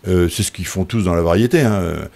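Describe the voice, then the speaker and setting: A man's voice: deep voice, fast, creaky. A man, a composer and choir leader, talking casually and animatedly, sometimes singing short example phrases. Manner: animated explainer who sings example phrases. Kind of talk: casual conversation.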